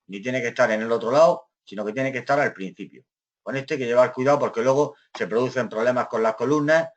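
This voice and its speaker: Man, computer teacher, step-by-step explanation, keyboard clicks behind, trails off while typing. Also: mid-range voice. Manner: explains step by step, checking in with "¿vale?". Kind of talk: screen-recorded software lesson.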